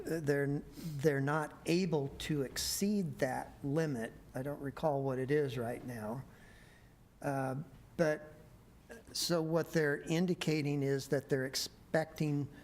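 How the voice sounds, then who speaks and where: A man's voice: medium pitch, a little mellow, slight background noise. A man giving a staff report at a city planning meeting, hesitant with many fillers, his voice a bit worn. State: losing his voice. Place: council meeting room.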